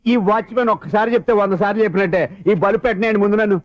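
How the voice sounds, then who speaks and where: An actor playing a cheeky worker who answers back with quick, sarcastic retorts. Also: male voice, high voice, fairly even intonation, no echo, dull audio, lightly acted.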